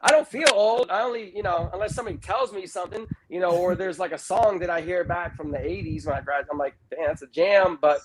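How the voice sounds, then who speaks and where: In his early fifties, a school board candidate gives a casual, unscripted interview, repeating points emphatically. His voice sits high and runs quick with hardly a pause, over a background crowd. The recording is clearly noisy and has clicks.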